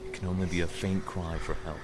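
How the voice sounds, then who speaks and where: A man's voice: sits low, level tone, fast, heavy background noise. A man narrating a dramatic scripted story. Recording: music score behind.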